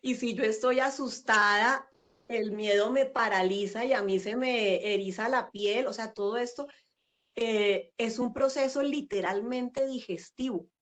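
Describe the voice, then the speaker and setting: A woman's voice: on the high side, unhurried. Reflective middle-aged woman. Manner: warm, reflective, with frequent fillers and laughs. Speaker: guest. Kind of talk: casual interview conversation.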